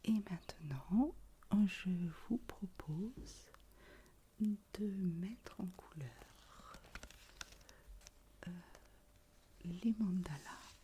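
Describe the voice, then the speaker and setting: A woman ASMR host speaking in a soft, unvoiced whisper, very close, right in the listener's ear. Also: fairly low pitch, expressive, very slow, pauses often, slight background noise.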